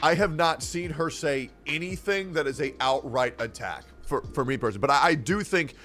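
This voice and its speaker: A man commentating on his live stream in an earnest, measured way. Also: fairly high pitch, a bit bright, soft background music.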